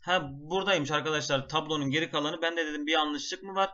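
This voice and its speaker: A man's voice: fairly high pitch, fairly even intonation, fast, sharp tone. A man teaching an exam-prep lesson step by step, chanting word lists in a sing-song melody. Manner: explains step by step, often addressing the class. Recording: dull lo-fi sound.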